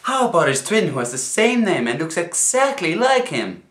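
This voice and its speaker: A man's voice: on the high side, big pitch swings, normal speed, fairly bright tone. A man acting in an amateur comedy sketch as a cocky, competitive contestant. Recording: roomy echo, faint noise.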